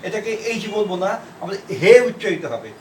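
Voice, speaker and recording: A man from India teaching a shorthand class, explaining slowly and repeating himself, letter by letter. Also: high-pitched, big pitch swings, a little hiss or hum. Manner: repetitive, halting, spells out letters. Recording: echoey room from far off.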